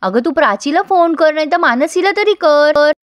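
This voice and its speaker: A woman voicing a fussy older wife who coaxes and flatters her husband in a pleading tone. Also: normal speed, dry recording. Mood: anxious. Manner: wheedling, pleading, high and insistent.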